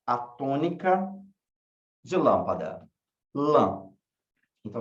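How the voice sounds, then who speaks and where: A man teaching a class, asking questions slowly and repeating key words. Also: mid-range voice. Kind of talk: online class lecture. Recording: echoey room, dull lo-fi sound.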